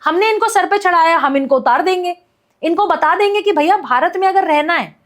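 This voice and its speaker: A woman activist talking as a guest on a podcast, her voice pitched very high. She argues with heated conviction, piling up repeated phrases and rhetorical questions. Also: animated, fairly quick. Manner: forceful, repetitive rhetorical ranting. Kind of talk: impassioned podcast commentary.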